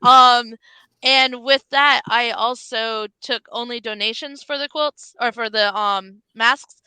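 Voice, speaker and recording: A woman's voice: fairly high pitch, steady tone, slow, pushed and bright, clean tone, no echo, rough recording. A woman talking casually as a guest on a podcast. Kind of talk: casual chat.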